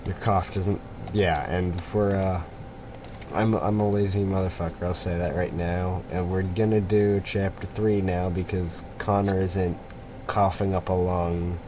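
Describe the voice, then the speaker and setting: A fan fiction reader and host reads a story aloud in an informal, amateur way, adding casual asides and sometimes stumbling over and repeating words. His voice sits low, with a flat, unhurried delivery. It's a noisy amateur home recording.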